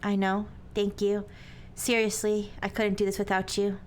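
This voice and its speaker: A woman voicing an earnest young woman in a paranormal romance visual novel, reading in a soft, solemn, dramatic way. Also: monotone, normal speed, lightly acted. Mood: solemn, tender. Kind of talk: visual novel read aloud. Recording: noisy, low rumble behind.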